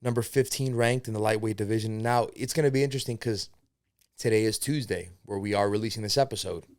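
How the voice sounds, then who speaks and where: A young podcast host, born in Spain and raised in America, delivers casual solo commentary in a rambling, profane style, openly admitting to his segues. His voice is on the low side, quick and a little mellow, recorded with studio quality and no echo.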